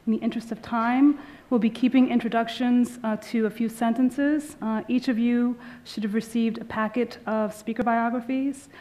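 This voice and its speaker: Woman, museum curator, formal welcome speech, podium mic, auditorium, frequent uh pauses. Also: on the high side, steady tone, warm tone. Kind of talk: welcoming conference remarks.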